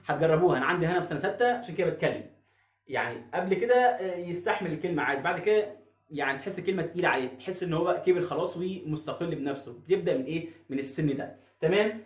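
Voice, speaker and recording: High-voiced Egyptian man teaching phonics. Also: animated, roomy sound. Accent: Egyptian Arabic. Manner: repeats words slowly with drawn-out stress; asks and answers his own questions. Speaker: English teacher. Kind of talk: phonics lesson explaining pronunciation.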